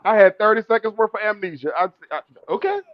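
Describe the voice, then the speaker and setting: Man, co-host, casual chat, high voice, storytelling with laughs, dull lo-fi sound. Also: fast, slight background noise. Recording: dull, slightly lo-fi dry sound.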